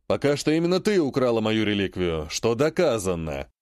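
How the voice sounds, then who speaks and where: A man's voice: lowish voice, big pitch swings, brisk, a little mellow, clear, resonant tone, no room sound. A man reading an audiobook, voicing a stubborn, sarcastic emperor who talks in a dry, unyielding way.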